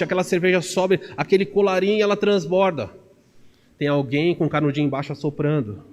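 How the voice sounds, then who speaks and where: A man preaches to his congregation with a voice that sits a little high for a man, telling everyday stories with energy and mimicking the people he quotes. His words ring out with a long reverb tail in a church hall. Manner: animated storytelling, acting out quoted voices. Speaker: pastor. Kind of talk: sermon.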